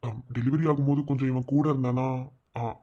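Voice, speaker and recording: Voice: medium pitch, steady tone, a little fast, dark tone, lo-fi sound, lightly acted. A voice actor playing a worried young male relative who politely and hesitantly questions a doctor. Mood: anxious. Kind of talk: cartoon voice acting.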